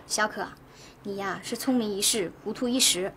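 An actress playing a chatty, teasing young office coworker in a TV drama. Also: female voice, mid-range voice, normal speed, fairly bright tone, slight background noise, lightly acted. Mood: gossipy. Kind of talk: TV drama acting.

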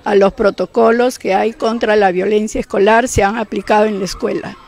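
A woman's voice: medium pitch, fairly even intonation, a little fast, gravelly, very noisy. A woman school principal from Peru giving a cautious, guarded statement to the press. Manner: cautious, evasive.

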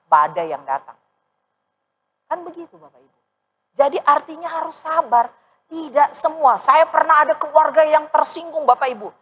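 A woman pastor giving a lively, conversational sermon in a church, speaking straight to the congregation and acting out the voices of the people in her stories. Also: sits high. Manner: animated, acts out quoted voices, addresses congregation directly. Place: church sanctuary.

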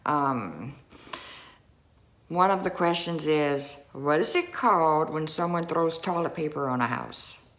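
A woman's voice: low voice, animated, a bit bright. A middle-aged woman from Southwest Louisiana with a South Louisiana accent, chatting folksily in a casual accent-tag vlog. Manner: chatty, folksy, drawn-out words. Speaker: YouTuber.

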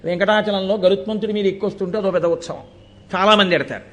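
Fast, steady, and fairly bright, the high voice of a spiritual discourse speaker addresses a live audience in a devotional talk. He asks rhetorical questions and cites verses in his explanations.

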